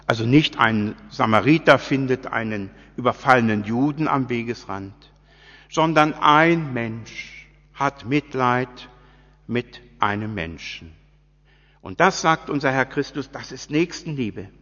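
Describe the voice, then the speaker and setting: A man preaching a sermon, slow and deliberate, asking his listeners many rhetorical questions. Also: medium pitch, fairly bright tone. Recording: dull sound with long church reverb.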